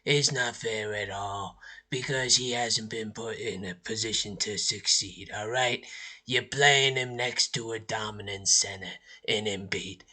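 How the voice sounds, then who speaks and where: A man's voice: lowish voice, a little slow, sharp tone, exaggerated voice. A man voicing a blustery middle-aged uncle, lecturing about basketball in a voicemail, folksy and preachy, repeating "all right?" and "look". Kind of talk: phone voicemail comedy rant.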